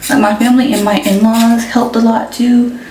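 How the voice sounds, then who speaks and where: A young woman talks to her viewers in a chatty, slangy way, her voice a little high and mellow rather than bright. She sits back from the mic in a roomy, echoing space. Faint clatter of dishes drifts in behind her. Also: level tone, moderate pace, slight background noise. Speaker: vlogger. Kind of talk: casual chat. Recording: echoey room, mic at a distance.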